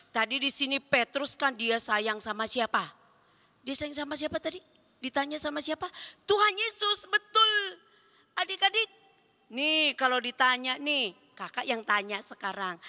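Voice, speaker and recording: A woman's voice: sits high, bright, forceful tone, big-room sound. A woman teaching children at Sunday school in a playful way, asking them questions and answering for them.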